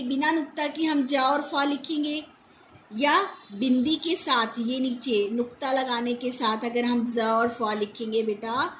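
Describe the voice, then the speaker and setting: High-pitched woman teacher, patient school lesson, echoey room, faint hiss. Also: fairly bright tone. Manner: patient, explains slowly, calls pupils "beta".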